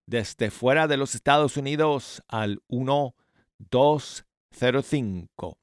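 A man's voice: mid-range voice, slow, smooth, dry recording, studio quality. A middle-aged man hosting a casual music show on radio, chatty and self-deprecating, working to articulate and slightly slurred from dental braces. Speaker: radio host. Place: radio studio.

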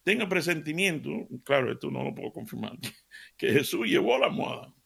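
A man's voice: fairly high pitch, a little fast, creaky, husky. A middle-aged man giving a radio devotional sermon, telling stories animatedly and acting out the dialogue. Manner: animated storytelling with laughs and voiced dialogue. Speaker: radio preacher.

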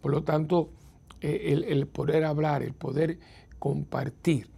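A priest talks to his audience in a relaxed, reflective chat, with a gravelly, husky edge to a fairly high voice. His tone is dark and mellow, and he often repeats himself and checks in with short questions. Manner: unhurried and reflective, repeats words and adds tag questions. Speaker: priest hosting a program. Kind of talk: conversational talk to viewers.

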